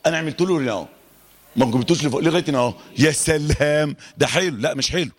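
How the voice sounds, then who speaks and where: Lively Egyptian teacher with a higher voice. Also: male voice. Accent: Egyptian Arabic. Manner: lively and joking, drawing out letters slowly to demonstrate recitation. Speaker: Quran recitation teacher. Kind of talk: live tajweed lesson to a class.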